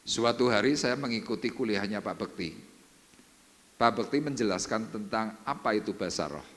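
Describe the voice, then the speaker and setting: A male pastor preaching a sermon, telling a personal testimony, dropping to hushed tones and rising to emphatic peaks. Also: lowish voice, moderate pace. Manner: animated storytelling testimony, swings between hushed and emphatic. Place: church. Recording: reverberant church hall.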